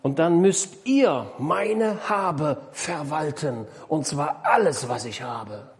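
A preacher voicing a blunt wealthy master. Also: male voice, on the high side, lively intonation, slow, in a large hall. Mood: announcing. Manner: blunt and matter-of-fact. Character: wealthy master announcing his departure to servants.

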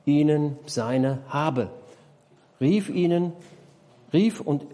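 A man's voice: medium pitch, dark tone. A man preaching a sermon, explaining a parable and questioning his congregation, emphatic and repeating key phrases.

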